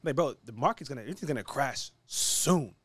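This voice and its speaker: A man's voice: mid-range voice, animated, fairly quick, fairly bright tone, slightly rough, no room sound. Brash, cocky finance-bro man, swearing freely. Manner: heavy swearing, slangy; blunt, emphatic, repeats himself for punch. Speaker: podcast guest, online business entrepreneur. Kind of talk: casual podcast talk.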